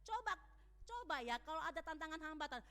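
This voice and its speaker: Bright-voiced woman pastor preaching in an echoing church. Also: high-pitched, fast. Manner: lively preaching with rhetorical questions to the congregation. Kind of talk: sermon. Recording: long church hall reverb.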